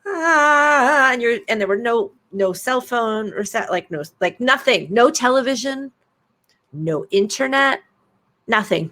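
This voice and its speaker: Picture a woman author hosting a casual chat over a video call. She tells her stories with flair, full of sudden dramatic exclamations and quick asides. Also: mid-range voice, a bit bright. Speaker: author interviewing a guest at a bookshop event.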